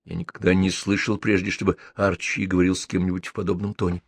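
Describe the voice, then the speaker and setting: A man's voice: sits low, level tone, quick pace, breathy edge, no echo, clean studio sound. A man reading a novel aloud as narrator, wry and ironic. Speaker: audiobook narrator. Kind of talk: literary audiobook reading.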